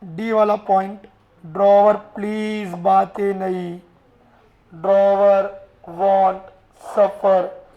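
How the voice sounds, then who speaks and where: A man teaching a class in a lively way, often urging his students to answer and mixing English terms into his speech. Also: high voice, slow pace, lo-fi sound. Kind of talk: classroom lecture.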